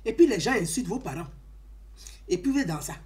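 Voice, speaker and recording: This Ivorian French-accented woman talks fast in a sing-song way as she delivers an impassioned, scolding political monologue. She swings between loud bursts and low, muttered asides.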